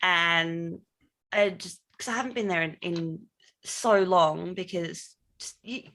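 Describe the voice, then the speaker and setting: Lively woman in her twenties. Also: fairly low pitch, slow pace. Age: 20s. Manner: animated storyteller, laughs often. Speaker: podcast guest. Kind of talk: casual interview chat.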